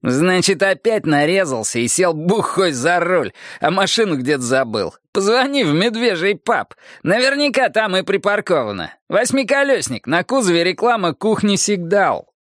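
Scrawny pimply young cop, a guy voicing him, blunt and mocking, pitched up high. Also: very animated, normal speed, few pauses, a bit bright, dry recording, clean studio sound. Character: pimply skinny young policeman driving, gruff.

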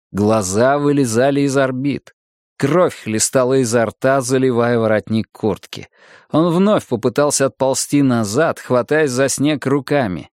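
A man's voice: medium pitch, a little mellow, dry recording. Male audiobook narrator, mid-range voice, dry close recording, dramatic horror storytelling.

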